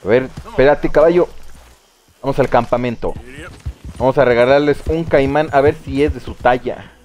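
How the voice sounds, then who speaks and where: Excitable Mexican man, swearing gamer. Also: medium pitch, normal speed, a little hiss or hum. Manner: casual, excitable, swears freely, talks to chat. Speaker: streamer. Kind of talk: live gameplay commentary.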